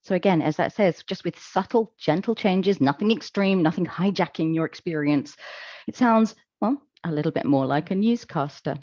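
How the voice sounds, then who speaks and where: A woman giving a conference presentation, explaining in a measured, calm way with occasional fillers. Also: on the low side, no room sound, muffled recording. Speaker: conference speaker. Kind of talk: presentation talk.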